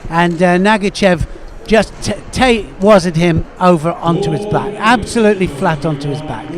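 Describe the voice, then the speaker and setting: A man giving expert co-commentary in live sport, eager and halting with lots of fillers. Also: sits high, background noise.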